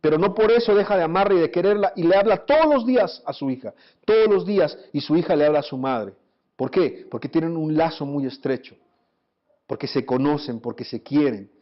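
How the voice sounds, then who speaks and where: A pastor preaching a sermon, animated, asking his listeners rhetorical questions. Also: a little high, brisk. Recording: dull lo-fi recording.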